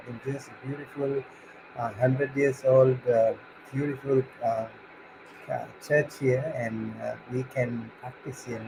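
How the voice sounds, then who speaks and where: A man speaks as the host of an online session over a clearly hissy recording. His pitch sits in the middle, and his delivery is courteous and halting, broken by frequent hesitations. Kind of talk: unscripted, courteous closing remarks. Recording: hissy, clearly noisy background.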